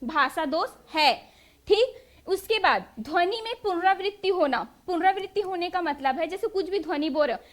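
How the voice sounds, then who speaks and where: A woman's voice: extremely high pitch, expressive, moderate pace. A young woman teacher leading an exam-prep lesson, asking the class questions and answering them herself. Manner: drills students with quiz-style questions, then answers them.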